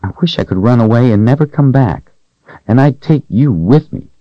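A man voicing a timid, lonely little girl who speaks in a soft, wistful and fearful way. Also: mid-range voice, expressive, moderate pace, no echo, highs cut off, pitched above the performer's own voice, lightly acted.

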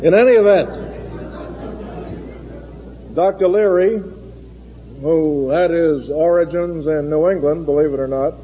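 An American man chairing a forum, giving a formal introduction from a lecture hall in a deliberate, halting, dry-humored manner. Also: a little high, a little hiss or hum. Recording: muffled 1960s hall recording, long reverb.

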